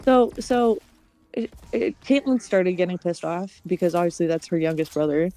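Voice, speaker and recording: A woman's voice: lowish voice, steady tone, normal speed, mellow. A woman streamer telling a long story in casual chat. She acts out the other people's lines and swears often.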